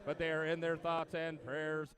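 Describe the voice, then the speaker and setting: A man announcing at a swim meet, introducing swimmers in a measured, emphatic way with the odd dry aside. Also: fairly high pitch, level tone, a crowd in the background. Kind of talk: public address announcement.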